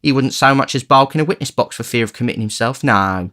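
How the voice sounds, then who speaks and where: Raising his voice high and loud above his narration, a man plays a cocky, boastful boy pickpocket who talks in slang. He speaks fast in his natural voice.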